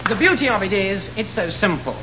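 An actor as a lively, deadpan gadget demonstrator. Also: medium pitch, fairly quick, a loud crowd, natural voice. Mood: earnest, pleased. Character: proud demonstrator of absurd anti-theft gadget. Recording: dull, lo-fi, loud noise.

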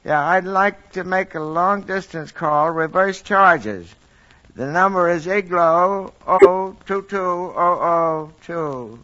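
A jolly, gentle Santa Claus. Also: male voice, medium pitch, animated, unhurried. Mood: chuckling. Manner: bumbling, mild and chuckling. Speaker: comedy guest star. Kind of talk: 1940s radio comedy acting. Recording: dull old radio broadcast with faint hiss.

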